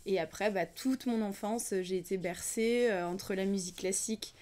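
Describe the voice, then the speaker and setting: Young woman singer chatting in an interview, lots of ums, trails off soft sometimes. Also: mid-range voice, moderate pace. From Ukrainian family background, raised in France. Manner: thoughtful, hesitant with many fillers, drops to near-whisper at times. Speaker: singer and singing teacher being interviewed. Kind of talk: casual interview talk.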